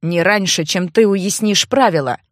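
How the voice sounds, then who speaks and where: A woman reading an audiobook, voicing a stern young nobleman with a low, curt, sneering delivery. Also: normal speed, no echo, clean studio sound, natural voice. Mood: scornful. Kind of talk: audiobook character voice.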